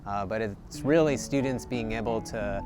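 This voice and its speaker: A man's voice: fairly low pitch, moderate pace. Man in his 30s, instructor, explanatory tone, lapel mic, garden, faint music. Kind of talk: interview. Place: outdoors in a garden.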